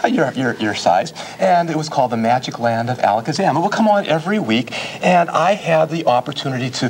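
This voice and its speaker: A man, a guest magician and teacher, chatting to children in a television studio with halting, hesitant phrasing. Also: mid-range voice, slight background noise. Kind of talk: interview chat aimed at children.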